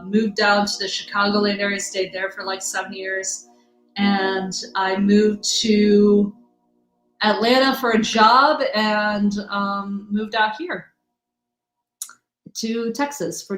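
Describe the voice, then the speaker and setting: A woman's voice: mid-range voice, fairly bright tone. A woman in her thirties from the US Midwest hosting a casual live stream, rambling and greeting viewers by name. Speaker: livestream host, energy reader. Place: home room in Texas. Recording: echoey room, faint music.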